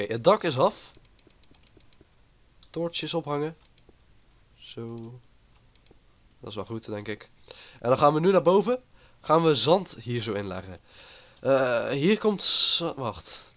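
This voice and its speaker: A man with a cold, rambling casually as he comments on his own gameplay. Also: medium pitch. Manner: rambling and chatty. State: has a cold. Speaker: gaming YouTuber.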